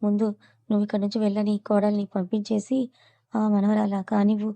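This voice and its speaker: A woman's voice: medium pitch, completely flat delivery, fairly quick, dark tone, no room sound, lightly acted. A woman voicing a stern, commanding grandmother in her later years, giving orders in a scolding tone in a storybook reading. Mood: bossy.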